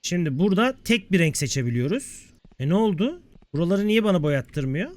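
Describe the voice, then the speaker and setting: Excitable man doing let's-play commentary. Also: sits high, a little fast, dry recording. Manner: excitable, banters and curses at the game. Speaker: gameplay video creator.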